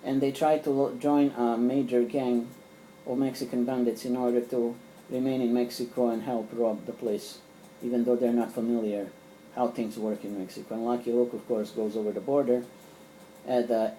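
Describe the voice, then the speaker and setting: Showing his comics at home in a small room, a middle-aged man whose first language is Serbian speaks at a moderate pace in a dark, mid-range voice with little pitch movement. He rambles through this casual show-and-tell, full of fillers and restarts, over poor audio and slight background noise.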